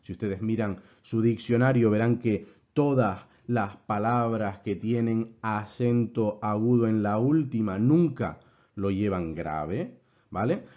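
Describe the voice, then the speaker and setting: A man teaching a class, explaining things in a measured way and addressing his students formally. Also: on the low side, lo-fi sound. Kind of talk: lecture with slides.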